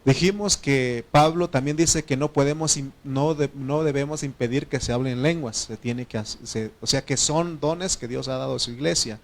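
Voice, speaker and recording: Mexican pastor preaching conversationally. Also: male voice, mid-range voice, moderate pace, hardly any pauses. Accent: Mexican Spanish. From Oaxaca, Mexico. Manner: conversational, asks the congregation questions; frequent fillers and self-corrections. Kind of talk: sermon.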